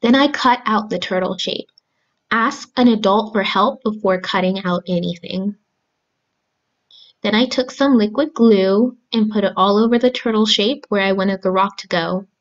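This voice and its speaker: A young adult woman speaking to children in simple, deliberate phrases, as a storyteller and craft host. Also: mid-range voice, muffled recording. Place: small room at home, indoors.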